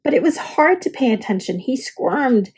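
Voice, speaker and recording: Reading a picture book to young children, a storyteller narrates with deliberate expression; her voice is high with a breathy edge.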